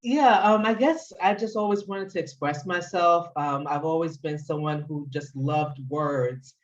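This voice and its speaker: A woman's voice: low-pitched, unhurried, lo-fi sound. A woman from the Bronx, New York, a guest poet answering interview questions, thoughtful and a little hesitant.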